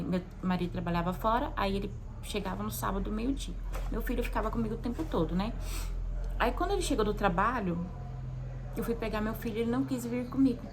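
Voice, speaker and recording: A young adult mother with a Brazilian Portuguese accent shares a personal testimony in a casual confessional monologue, chatty and heartfelt, often tagging questions onto her sentences. Her voice is mid-range, with a noisy background.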